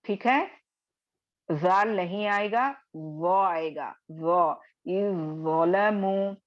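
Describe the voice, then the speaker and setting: A woman teaches a recitation class over a video call, speaking very slowly and patiently. She draws out each example word and repeats it. Her voice sits a little low and the call audio sounds dull. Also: animated. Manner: slow drawn-out recitation of examples. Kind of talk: online class lesson.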